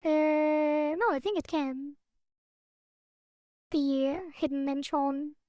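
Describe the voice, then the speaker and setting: High-voiced woman muttering while coding. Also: steady tone, extremely slow, dark tone, no room sound, clean studio sound. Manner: thinks aloud, muttering half-sentences. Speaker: game developer streaming. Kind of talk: casual livestream while coding.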